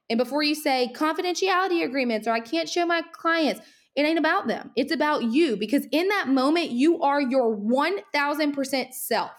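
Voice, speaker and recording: A woman hosting her own podcast, giving energetic, animated marketing advice at great speed and sounding a little winded. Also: a little high. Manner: energetic, animated, talks very fast. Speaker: podcast host, social media marketer. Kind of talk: fast motivational solo podcast talk.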